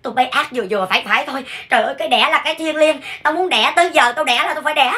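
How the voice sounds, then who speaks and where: A woman with a Southern Vietnamese accent acting a pregnant young wife in labor, scolding loudly and groaning. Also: high voice, racing. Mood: indignant ranting. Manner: loud complaining scolding rant with groans. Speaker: comedy sketch performer. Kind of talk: comic sketch acting.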